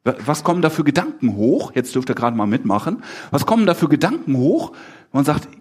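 Male preacher. Slightly husky, very animated delivery. Talks to his congregation conversationally. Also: fairly high pitch, fairly quick. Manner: animated, asks the congregation questions, acts out the disciples' lines. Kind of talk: lively conversational sermon.

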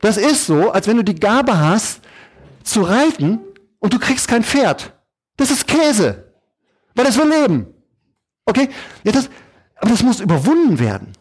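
A man preaching a lively, colloquial sermon, acting out sluggish grumbling voices as he goes. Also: sits high, unhurried, pauses often, slightly rough. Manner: animated, acts out sluggish voices, colloquial asides.

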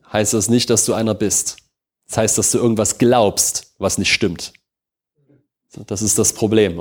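A man's voice: lowish voice, darkish tone. A man preaching a sermon, fervent and repetitive, speaking straight to his listeners, often restarting his sentences. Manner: many restarts and self-corrections.

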